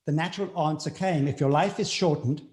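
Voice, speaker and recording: Earnest South African man, slightly high. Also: darkish tone. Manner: earnest, deliberate, repeats key phrases for emphasis. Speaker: guest speaker. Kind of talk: reflective interview talk.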